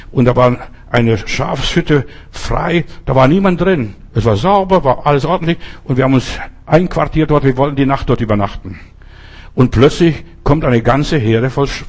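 A man's voice: mid-range voice, slightly rough. An older male preacher giving a sermon, speaking directly to his listeners with emphatic, repeated phrases.

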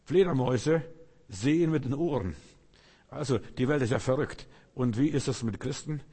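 Husky-voiced man preaching in a hall. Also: medium pitch, expressive, normal speed, warm tone. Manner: preaches in short repeated phrases, addressing the listener directly. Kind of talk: sermon.

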